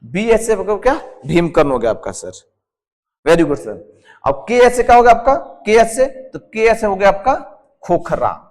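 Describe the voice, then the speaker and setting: In a high-pitched, slightly mellow, sing-song voice at normal speed, this teacher with a Jharkhand Hindi accent runs an exam-prep lesson on a whiteboard using a mnemonic. He quizzes the class by turning answers into questions, repeats every term, and constantly says "sir" respectfully to students, all with a long reverb tail.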